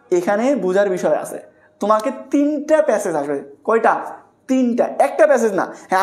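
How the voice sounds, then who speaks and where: A man with a Bangladeshi Bengali accent teaching an exam-prep English class live online, brisk and teasing, repeating points to drill his students. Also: extremely high pitch, reverberant.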